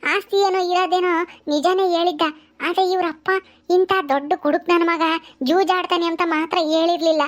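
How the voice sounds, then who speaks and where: Brief: woman as a scolding village mother, high-pitched, fond of disgusted exclamations. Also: fairly even intonation, a little fast. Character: scolding middle-aged village mother, sharp-tongued.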